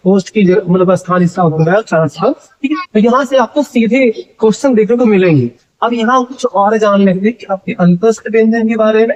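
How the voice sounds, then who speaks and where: A man with a high voice teaches an exam-prep grammar lesson, posing questions to his listeners and answering each one himself. The recording sounds dull and lo-fi. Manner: asks the class questions and answers them himself. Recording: dull lo-fi audio.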